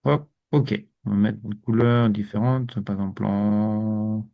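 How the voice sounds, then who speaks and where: A man teaching a live language lesson to students, in a relaxed way, repeating words and often saying "ok". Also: lowish voice, unhurried, gravelly, narrow, tinny audio.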